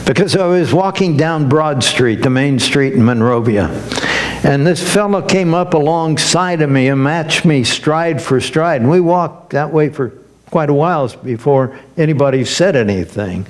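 An older man preaches a sermon as guest minister, slow and emphatic, with lifted, rising phrases. His voice is fairly high-pitched and expressive.

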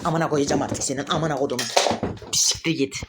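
A man giving live gameplay commentary as a mobile game streamer, excitable and swearing often when frustrated. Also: fairly high pitch, fast talker, very noisy.

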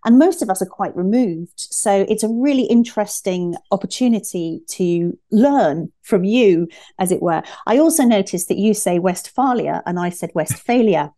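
A woman's voice: medium pitch, animated, moderate pace, hardly any pauses, mellow. Chatty woman hosting a podcast. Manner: chatty, engaged questioning. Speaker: podcast host.

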